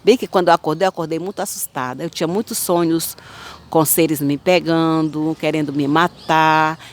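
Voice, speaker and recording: A woman's voice: low voice, steady tone. Brazilian woman in her fifties, rambling. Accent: Brazilian Portuguese. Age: 50s. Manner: rambling, repetitive, halting storytelling. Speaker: spiritual channel host. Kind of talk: personal testimony of dreams.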